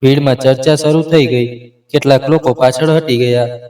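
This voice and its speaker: A man narrating a scripted story in a steady, earnest way. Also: medium pitch, moderate pace, faint music behind. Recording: roomy echo, distant mic.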